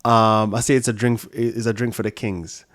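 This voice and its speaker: A man's voice: lowish voice, little pitch movement, fairly quick, a bit bright. A man, a sommelier guest telling stories in casual, profane chat, often restarting his sentences. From Brooklyn, New York and Jamaica. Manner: loose, profane storytelling with restarts.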